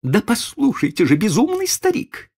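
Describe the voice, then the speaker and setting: Guy doing a shrieky bossy rich lady from an audiobook, high and all over the place. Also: huge pitch swings, moderate pace, darkish tone, husky, full character voice. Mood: hysterical demanding. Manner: screeching, commanding. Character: shrill hysterical rich lady, imperious.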